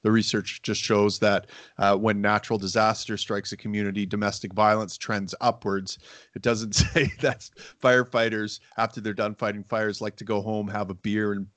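A man's voice: fairly low pitch, little pitch movement, moderate pace, a bit bright, no echo. A middle-aged man hosting a casual interview podcast, rambling with many fillers and restarts. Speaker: podcast host.

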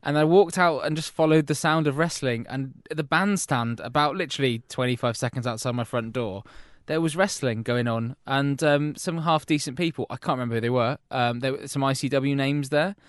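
A British man with a medium-pitched voice banters casually as a podcast co-host. He is deadpan and teasing, and the sound is close and dry. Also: a little fast, hardly any pauses, dry recording.

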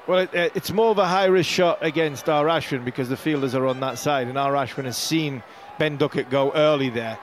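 A man's voice: fairly high pitch, fairly quick, a little hiss or hum. A man analysing shots and deliveries as a co-commentator in live cricket commentary.

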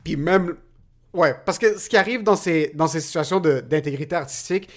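A young man with a Québécois French accent, co-hosting a casual chat in a lively, slangy way that mixes in English. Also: a little high, a little fast. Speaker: podcast co-host, comedian.

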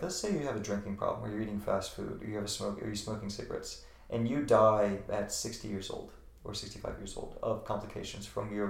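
A man with a low, gravelly voice speaks in an earnest, emphatic way as an interview guest. He gives motivational advice and hammers his points home by repeating them. The room adds a clear echo around him. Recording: roomy echo.

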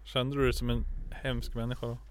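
A man's voice: mid-range voice, little pitch movement, smooth. A man in casual podcast chat who laughs often and tells stories with emphatic repetition and casual swearing.

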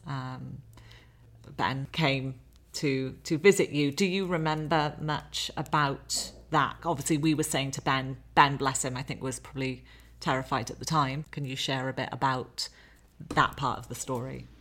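A woman interviewing a guest, asking gentle, probing questions in casual chat. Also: rumbling low, steady tone, a little slow.

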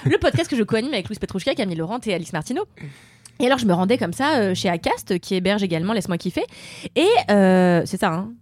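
A woman tells a story in a casual podcast chat. She is animated and pokes fun at herself. Her voice sounds close and dry, with no room around it. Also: mid-range voice, quick pace, dry recording. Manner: animated, self-mocking anecdote telling with laughs. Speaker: podcast co-host.

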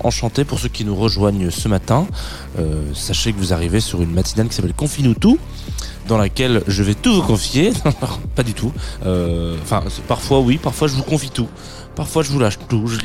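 A man's voice: lowish voice, animated, brisk, darkish tone, soft background music. A man hosting a casual morning radio show, rambling and correcting himself with a joking, offhand manner. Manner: rambling, self-correcting, jokey. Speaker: radio host.

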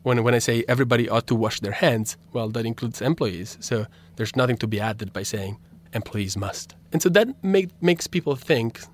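A young Italian man, speaking his native language's accent into his words, explains his philosophy research on radio as a graduate student guest. His medium-pitched voice moves at a moderate pace with hardly any pauses, thoughtful yet full of restarts and fillers.

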